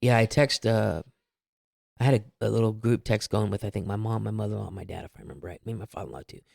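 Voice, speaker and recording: A man's voice: lowish voice, quick pace, gravelly, darkish tone, no echo, clean studio sound. A man telling his family's story as a guest, candid and rambling, with a few self-aware laughs. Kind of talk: casual personal storytelling.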